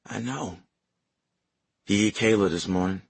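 A man voicing a frail, dying grandmother who speaks softly and tenderly through pain. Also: on the low side, unhurried, no echo, full character voice. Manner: soft, breathy, pained.

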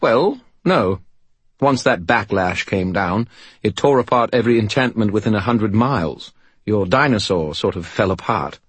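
A man voicing a cheeky, smug spirit that lives in a skull, perky and quick in an audiobook reading. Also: on the low side, expressive, fairly bright tone, husky, dry recording, pitched above the performer's own voice. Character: chatty, smug male spirit living in a skull.

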